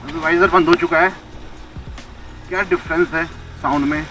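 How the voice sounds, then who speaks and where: A man speaking from inside a motorcycle helmet while out on his bike, talking in a relaxed way and thinking aloud, picked up by an action camera in a waterproof case outside the helmet. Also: fairly high pitch, normal speed, soft background music, low-quality recording. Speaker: motorcycle vlogger. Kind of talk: casual talk while riding. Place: outdoors on a motorbike by a road with trucks.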